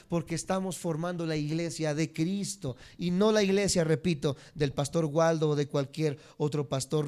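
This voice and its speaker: A man's voice: a little mellow, clear, resonant tone. A man teaching a church congregation, speaking to them directly and repeating key words. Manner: swings between emphatic high peaks and dropped low endings. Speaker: Bible teacher.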